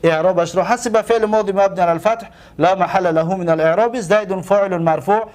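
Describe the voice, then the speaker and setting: A man gives a religious classroom lecture. He drags out each example word and says it again slowly. He puts questions to the class and answers them himself. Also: high voice, darkish tone. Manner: stretches out and repeats example words slowly. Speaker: religious teacher.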